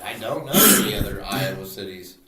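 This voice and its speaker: A man co-hosting a casual podcast who throws in quick jokes and asides. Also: low-pitched, a crowd in the background. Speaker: podcast co-host. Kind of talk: casual chat. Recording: echoey room.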